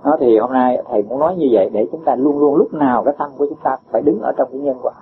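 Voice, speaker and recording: In a dull lo-fi recording with faint hiss, a Buddhist teacher gives a patient dharma talk answering a disciple. His medium-pitched voice comes rapid-fire as he explains with homely examples and chuckles often.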